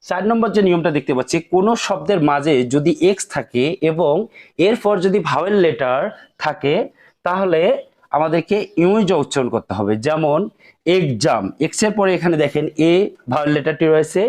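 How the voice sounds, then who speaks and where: Male teacher, slightly high voice, careful explaining, repeats example words. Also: expressive, fairly quick, a little mellow. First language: Bengali. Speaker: English teacher. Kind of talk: explaining pronunciation rules.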